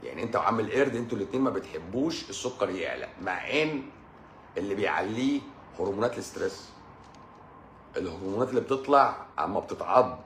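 A man's voice: lowish voice, expressive, quick pace, fairly bright tone. Emphatic Egyptian man in an echoey room. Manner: emphatic, repetitive, addresses listener as "pasha". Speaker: doctor hosting a live stream. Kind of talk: informal live-stream health talk. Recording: roomy echo, faint background noise.

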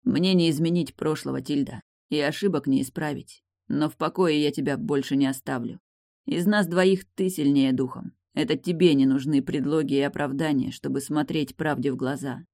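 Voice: mid-range voice, fairly even intonation, normal speed, darkish tone, no room sound, clean studio sound, natural voice. A narrator voicing a brash, stubborn man who talks bluntly and teasingly in an audiobook. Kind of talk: audiobook character voice.

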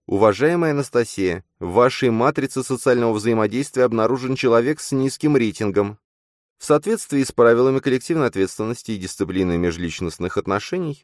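A man voicing a quiet, monotone household assistant AI that reads out an official notice, in an audiobook. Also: medium pitch, no echo, studio quality, voice pushed up, lightly acted. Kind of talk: audiobook character voice.

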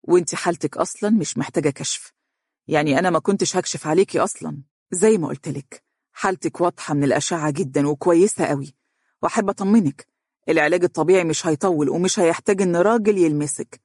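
A reader doing a gentle Egyptian doctor. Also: medium pitch, dry recording, studio quality, close to an everyday voice. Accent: Egyptian Arabic. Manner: soft, reassuring, measured. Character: young male doctor, calm and gentle.

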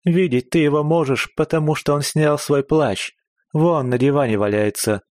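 A man voicing a sharp-tongued young woman who chides the hero in a raised, higher voice. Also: moderate pace, dry recording, studio quality, lightly acted. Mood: scolding. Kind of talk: audiobook character voice.

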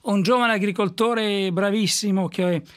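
A man's voice: high-pitched, steady tone, unhurried. A man hosting a radio show, interviewing guests in a chatty, conversational way. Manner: chatty, repeats short acknowledgements.

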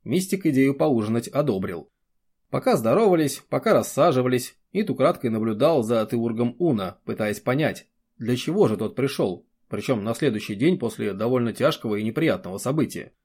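Guy reading a novel aloud, mid pitch, even and quiet. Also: a little fast, breathy edge. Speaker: audiobook narrator. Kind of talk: scripted narration.

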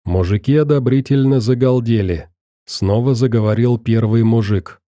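A man narrating an audiobook in a steady, measured way on a close studio mic. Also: medium pitch, no room sound. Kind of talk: scripted narration.

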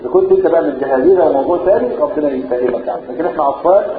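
A man with an Egyptian Arabic accent teaching Quran recitation rules, questioning his listeners and answering himself, drawing words out slowly when quoting the text. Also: a little high, expressive. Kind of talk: classroom lesson explaining verses. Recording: echoey, phone-like, listeners audible.

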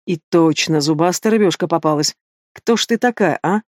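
A reader voicing a loud, brash winged male demon in an audiobook, booming and teasing. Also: moderate pace, no room sound, clean studio sound, close to an everyday voice. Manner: booming, roaring with laughter. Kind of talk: audiobook character voice.

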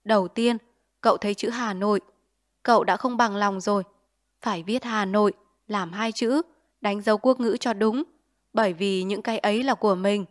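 A woman voicing a stern, earnest middle-aged father who lectures his son in grave, measured tones in an audiobook story. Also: mid-range voice, close to an everyday voice.

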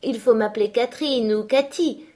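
A woman reading aloud, voicing an earnest, quick-tempered teenage girl with an eager, indignant manner. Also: a little high, a little mellow, pitched above the performer's own voice, natural voice.

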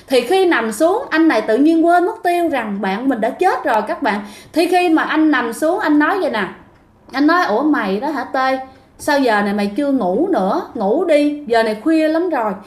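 A woman tells a ghost story in a relaxed, chatty way and keeps turning to her listeners. Her voice is high. The recording has a roomy echo. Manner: chatty, addresses listeners directly. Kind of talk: casual spoken storytelling.

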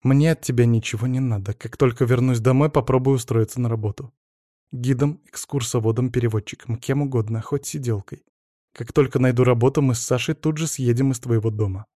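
A man's voice: mid-range voice, moderate pace, darkish tone, no room sound, studio quality, close to an everyday voice. A man voicing a bitter, wounded young wife. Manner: bitter, reproachful. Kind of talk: audiobook character reading.

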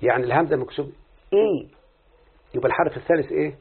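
A gravelly, fairly high-pitched man with an Egyptian accent speaks very fast on a tinny, phone-like recording. Reciting a grammar lesson as a student, he goes step by step through an Arabic morphology question-and-answer session, continually checking with his teacher.

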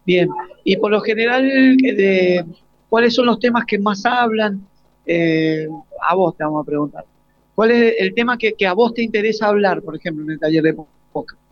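A high-pitched man in his forties with an Argentine Spanish accent works as a radio interviewer, chatting casually and live with students. He's halting, repeatedly stopping to rephrase his questions. The broadcast has a dull lo-fi live sound with no echo.

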